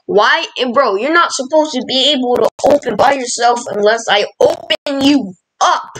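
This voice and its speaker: A woman's voice: sits high, moderate pace, fairly bright tone, dry recording, rough recording. A woman giving live gameplay commentary as a channel host, dramatic and exasperated, talking in casual slang.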